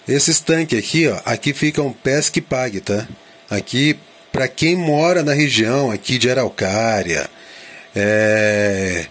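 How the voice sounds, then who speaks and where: Low-pitched man with a slightly husky voice. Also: fairly bright tone. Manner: informal, thinking aloud, asking himself questions. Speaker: drone vlogger. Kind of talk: casual vlog commentary on drone footage.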